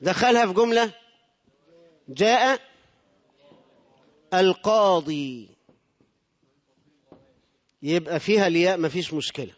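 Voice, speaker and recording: High-voiced Egyptian teacher in a reverberant hall. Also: male voice, a little slow, long pauses. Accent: Egyptian Arabic. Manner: asks the class questions and answers them himself. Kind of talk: grammar lesson to a class. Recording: dull lo-fi recording with long hall reverb.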